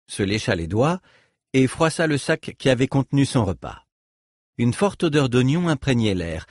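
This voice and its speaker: A man narrating an audiobook in a steady, even storytelling voice. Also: fairly low pitch, slightly rough, no room sound, clean studio sound. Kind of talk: scripted narration.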